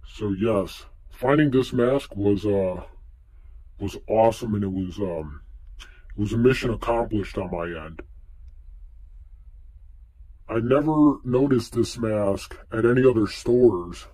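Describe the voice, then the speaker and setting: A young man reviewing a mask in a casual vlog, talking through a face mask, relaxed and rambling with lots of fillers. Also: on the low side, slow pace, pauses often, low-quality recording.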